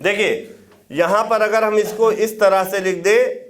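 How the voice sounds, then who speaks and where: A high-pitched man with a steady tone teaches Hindi grammar aimed at exam prep. Going step by step, he repeats important words for students to jot down and checks in regularly with quick questions.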